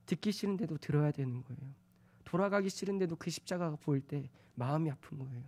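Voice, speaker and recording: A young man delivers a sermon in a notably high voice. He reads scripture loudly and forcefully, then drops to soft, confiding tones as he acts out tender words. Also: fast. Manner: swings from loud scripture reading to soft, hushed confiding; acts out his own angry and tender words in quotes. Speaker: preacher.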